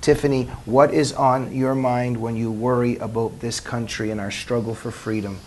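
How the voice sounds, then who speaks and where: A man's voice: mid-range voice, level tone, normal speed, darkish tone, slight background noise, poor audio. A man from Russia hosting a panel discussion, who eagerly praises his guests' points as he introduces each speaker. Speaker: host.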